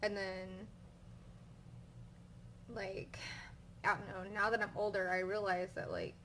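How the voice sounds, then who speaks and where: A woman's voice: mid-range voice, level tone, slow pace, pushed and bright, a little hiss or hum, rough recording. A young woman vlogging casually about her migraines while she still has one, rambling with lots of fillers and sounding frustrated. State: suffering a migraine. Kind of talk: casual storytelling vlog.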